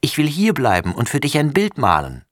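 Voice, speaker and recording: A man's voice: mid-range voice, wildly swooping pitch, a little fast, no echo, clean studio sound, voice pushed up. A man doing a sniffly, stubborn little boy. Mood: pleading. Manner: sniffly, pleading. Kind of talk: storybook reading.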